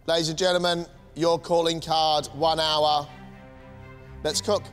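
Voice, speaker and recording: A man's voice: on the high side, level tone, unhurried. A British man judges a cooking contest, announcing the round firmly and commenting on each dish. Music runs behind his voice. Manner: firm, announcing. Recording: music under the voice.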